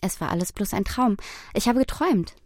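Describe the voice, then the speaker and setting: A woman's voice: mid-range voice, animated, a little fast, noisy background, natural voice. A woman plays a flustered young student in a storybook, in a plain everyday voice close to her own. She speaks simply and directly, with nothing put on. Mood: dazed. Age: young adult.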